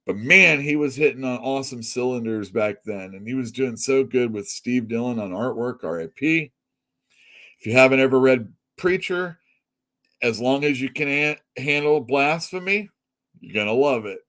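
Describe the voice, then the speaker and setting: A middle-aged man hosts a comic shop podcast, chatting casually and bluntly with strong opinions, rambling, swearing, and laughing at his own jokes. His voice is medium-pitched and a bit bright, at normal speed.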